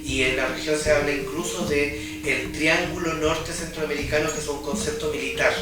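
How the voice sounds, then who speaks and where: A man, a research coordinator giving a reflective interview with hesitant pauses. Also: on the high side. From Chile. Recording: roomy, distant mic with background music.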